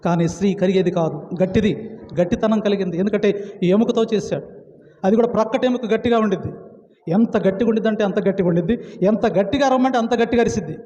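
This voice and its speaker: A man's voice: sits high, fast talker, dark tone. A man pastor preaching a sermon, emphatic and repetitive, full of rhetorical questions. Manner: emphatic, repeating phrases and asking rhetorical questions. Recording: echoey hall, dull lo-fi sound.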